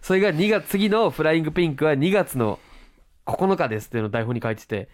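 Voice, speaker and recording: A young man with a Kansai accent co-hosting a comedy radio chat, telling animated stories full of acted-out quotes and laughter. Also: on the high side, fast. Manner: animated storytelling, acts out others' lines, laughs often. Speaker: comedian co-host.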